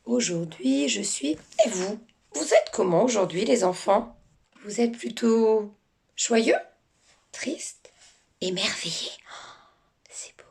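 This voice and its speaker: Gentle teacher with a gravelly voice. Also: female voice, a little high, slow pace, long pauses. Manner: gentle, reassuring, talks to the children directly. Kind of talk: reading a picture book to children.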